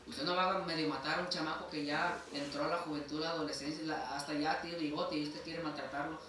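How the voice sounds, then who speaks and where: A man's voice: a little high, fairly even intonation, a little fast, crowd noise. A man with a Mexican accent preaching a sermon as pastor, emphatic and repeatedly calling his listeners brother. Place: church sanctuary. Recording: echoey church hall from far off, faint noise.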